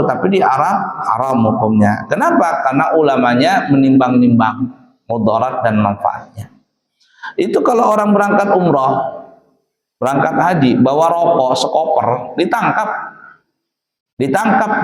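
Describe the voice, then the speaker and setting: Lively man teaching in an echoey hall. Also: a little high. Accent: Indonesian. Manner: lively, asks the students questions and answers them himself. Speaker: pesantren teacher. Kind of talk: casual religious lesson to students. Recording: echoey hall with a crowd of students.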